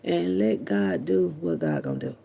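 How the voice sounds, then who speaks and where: A woman's voice: low voice, big pitch swings, normal speed, creaky, dark tone. A woman vlogger talking loosely and profanely to her viewers in a casual late-night chat. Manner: loose, profane, chatty, talks to viewers as y'all.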